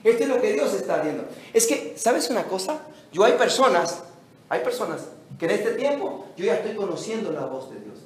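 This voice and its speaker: High-voiced male pastor preaching, echoey hall. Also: fairly quick. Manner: animated preaching that acts out little phone dialogues; repeats words as he restarts phrases. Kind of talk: sermon. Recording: echoey hall with faint background noise.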